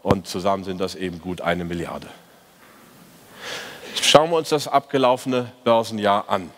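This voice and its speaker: A man's voice: on the low side, moderate pace. A man giving a conference talk as a fund manager, reviewing the market year in an opinionated, ironic way with frequent hesitations. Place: conference hall, on stage. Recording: reverberant conference hall.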